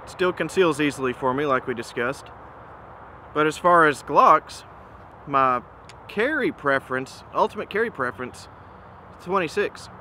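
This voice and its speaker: A man presents a casual comparison outdoors in a bright, slightly high voice. He is informal and measured, offering opinions in an easygoing way. There is faint ambient noise around him. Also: lively intonation. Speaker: gun reviewer and presenter. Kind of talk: casual product comparison talk to camera. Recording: noisy outdoor recording with ambient hum.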